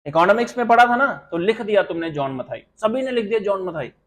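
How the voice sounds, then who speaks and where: A man's voice: sits high, lively intonation, rough recording. A man teaching a live online quiz class, rattling off questions and praising or teasing students by name. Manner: rapid quiz-master patter, praising viewers by name. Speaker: exam coaching teacher. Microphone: live stream mic with audio glitches.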